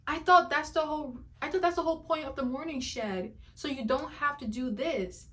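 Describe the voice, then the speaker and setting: A woman with a fairly high voice reacts to skincare videos in an emphatic, disbelieving way. She repeats her points for effect and laughs often as she comments. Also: moderate pace, bright, forceful tone.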